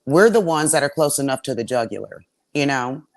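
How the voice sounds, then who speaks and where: A woman guest on a podcast panel who starts hesitantly with many fillers, then speaks forcefully. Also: very deep voice, very animated, brisk.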